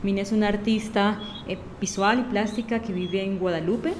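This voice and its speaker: A woman's voice: medium pitch, fairly even intonation, normal speed, reverberant, slight background noise. A woman hosting a live radio program, greeting listeners and summing up the conversation. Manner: warm greetings, reads listener messages. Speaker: radio host.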